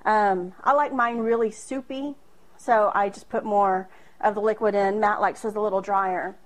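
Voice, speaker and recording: This home cooking video host, in her thirties, speaks at a moderate pace with a medium pitch and fairly even intonation. Her casual kitchen demo in a small home space is chatty and self-deprecating, with frequent fillers and laughter, recorded by a camera across the room.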